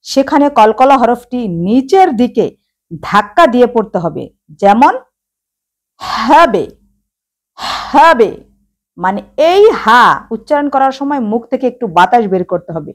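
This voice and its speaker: A woman teaching Quran reading, addressing viewers directly and sounding out letters one by one. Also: on the high side. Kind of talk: slow instructional explanation.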